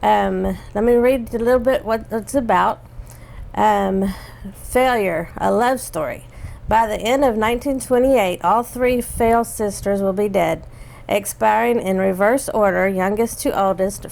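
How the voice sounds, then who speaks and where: A woman's voice: medium pitch, a little slow, vocal fry, darkish tone. A middle-aged woman co-hosting a casual theater review, giggling and stumbling over names as she talks. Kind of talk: casual chat.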